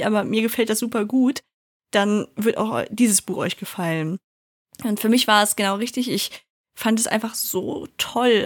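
A young adult woman who reviews books talks casually to viewers about titles she loves, in a mid-range voice with clean studio sound and no echo. She is chatty and enthusiastic, slowing down when she reads the blurbs aloud.

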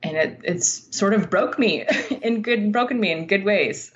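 Heard over a dull, lo-fi line with faint background noise, a writer and teacher from Utah in the United States chats casually as an interview guest. She speaks at a measured pace in a medium-pitched voice.

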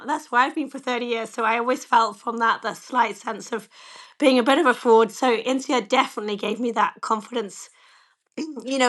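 A woman with a slightly croaky, fairly high and somewhat bright voice speaks as a bank chief executive giving conversational interview answers. She's candid and self-deprecating, peppering her replies with "you know."

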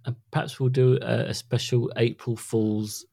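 Middle-aged guy chatting on his podcast, mellow easygoing voice, dry. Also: mid-range voice, little pitch movement, moderate pace, creaky, dry recording. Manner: chatty, easygoing, with stumbles and restarts. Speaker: podcast co-host. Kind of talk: casual chat.

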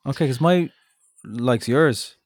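A man's voice: mid-range voice, slow pace, a little mellow, a little hiss or hum. An Irish man co-hosting a motoring podcast in easygoing casual chat, steering things along with a practised radio manner. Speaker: podcast co-host, motoring journalist.

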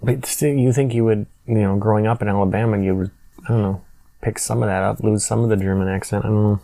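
Man, podcast co-host, wry, laughs a lot, low mellow voice, dry close sound. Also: fairly even intonation, quick pace, vocal fry, no room sound. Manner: wry, laughs often while recapping scenes. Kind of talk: casual movie review chat.

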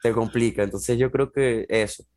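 Relaxed young Venezuelan guy for podcast guest, easygoing talk full of fillers, mid-range voice. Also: mid-range voice, moderate pace. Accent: Venezuelan Spanish. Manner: relaxed, chatty, many fillers like "bro" and "este". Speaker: guest, jiu-jitsu athlete. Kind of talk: casual podcast conversation.

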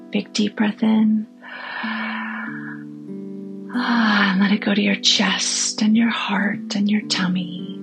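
A woman hosting a guided meditation for families and children, speaking gently and reassuringly to listeners, sometimes softening toward a breathy near-whisper. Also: mid-range voice.

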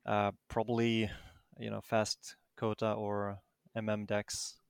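Casting: male interviewee, Danish accent, fry-edged delivery, close dry sound, modest and hesitant. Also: on the low side, monotone, slow pace, no room sound. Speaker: interviewed tournament champion. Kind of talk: casual interview answers.

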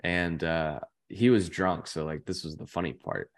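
With a deep voice at normal speed, this twentysomething podcast guest rambles through his stories in casual conversation, leaning heavily on "like" as a filler.

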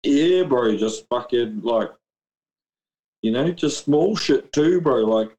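A man's voice: medium pitch, lively intonation, slow pace, dark tone. A middle-aged man telling stories in casual chat, blokey and slangy with plenty of swearing.

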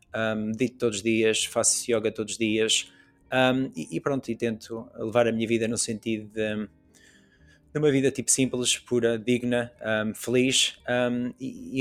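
A young Portuguese man with a European Portuguese accent, a podcast guest talking casually with many fillers and restarts. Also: medium pitch. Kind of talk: casual conversation.

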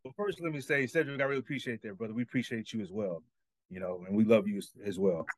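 A man's voice: fairly low pitch, fast talker, no echo. A man speaking as a talk-show guest, earnest, often repeating himself as he searches for words. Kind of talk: casual talk-show chat.

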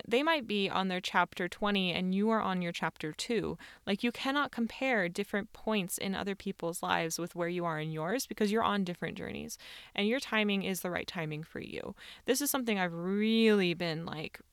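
A woman's voice: medium pitch, normal speed, fairly bright tone, clear, resonant tone, dry recording, studio quality. A woman giving informal motivational advice as a podcast host, talking in a conversational, emphatic way with plenty of "like" and "really", recorded in a small closet.

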